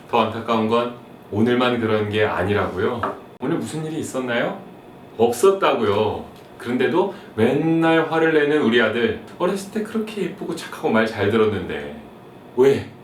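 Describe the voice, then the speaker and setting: A man's voice: mid-range voice, a little hiss or hum. A young man giving a comic monologue for mothers, playfully acting out whiny sons and nagging moms. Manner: playful, mimics whiny son and nagging mom in sudden jumps. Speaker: comedic explainer for mothers. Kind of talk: comic monologue with acted-out scenes. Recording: roomy, slightly distant mic with faint ambience.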